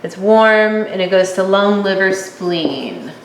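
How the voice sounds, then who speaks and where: A woman teaching a course, working through her notes at an unhurried pace with occasional fillers. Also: medium pitch, animated. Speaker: instructor. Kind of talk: lecture on herbal oils. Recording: echoey room, faint background hum.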